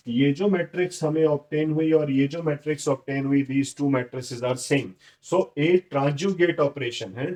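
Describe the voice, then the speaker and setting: Male math teacher, slow deliberate delivery, asks and answers own questions. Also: mid-range voice, darkish tone, poor audio. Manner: explains step by step, asking and answering his own questions; switches to slow, deliberate dictation when reading out matrix entries. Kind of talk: blackboard lecture.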